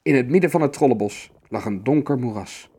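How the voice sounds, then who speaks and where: A man narrating a fairy tale in an expressive, storytelling manner. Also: mid-range voice, fairly quick, husky.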